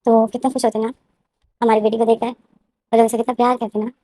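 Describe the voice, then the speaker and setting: Woman voicing a flustered young dad, protesting, pleading, quick and higher-pitched, storybook retelling. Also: little pitch movement, warm tone, dry recording, lightly acted. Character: flustered young man, new parent, embarrassed and defensive.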